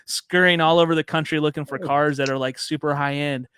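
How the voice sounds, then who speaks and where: A man's voice: a little high, brisk, a little hiss or hum. A man in his thirties from Chicago, chatting and telling stories as a guest on a podcast. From Chicago, USA. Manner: chatty, storytelling, relaxed slang. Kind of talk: casual podcast conversation.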